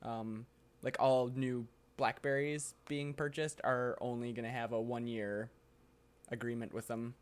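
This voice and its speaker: A man's voice: mid-range voice, level tone, measured pace, smooth. A man co-hosting a casual tech podcast, laid-back and joking, laughing often. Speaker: podcast co-host.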